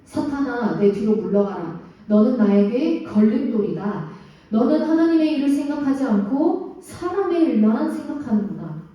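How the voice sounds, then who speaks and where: A woman's voice: a little high, lively intonation, normal speed, dark tone, natural voice. A woman voicing a stern male teacher who firmly rebukes his disciple, heard from a distance in an echoey room. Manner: firm, rebuking.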